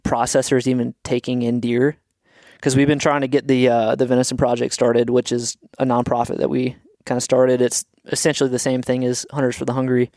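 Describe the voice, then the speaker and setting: A man's voice: mid-range voice, flat delivery, fairly quick, a little mellow, dry recording, studio quality. A man from Atlanta co-hosting a podcast in easygoing, rambling casual chat. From Atlanta, USA. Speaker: podcast co-host.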